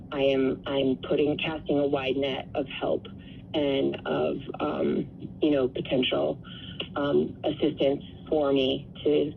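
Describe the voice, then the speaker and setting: A woman's voice: deep voice, creaky. A woman speaking as an interview guest on the radio, explaining things earnestly and conversationally. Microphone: telephone. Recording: tinny phone line with faint noise.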